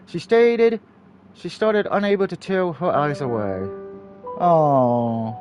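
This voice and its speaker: A man's voice: high voice, sing-song, a little slow, darkish tone, faint music behind. A man reading a visual novel aloud as a let's play narrator, dropping in casual asides and acting out the dialogue. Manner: acts out dialogue while reading.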